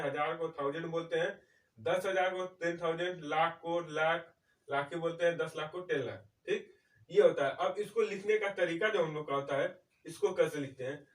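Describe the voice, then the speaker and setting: High-voiced man teaching math in an echoey room. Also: distant mic. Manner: explains slowly, often checks in with "okay". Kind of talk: step-by-step math lesson. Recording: echoey room, speaker away from mic.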